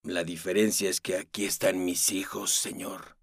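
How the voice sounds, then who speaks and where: A man reading an audiobook, voicing a weary, soft-spoken middle-aged mechanic. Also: low-pitched, fairly even intonation, moderate pace, dry recording, studio quality. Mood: quiet.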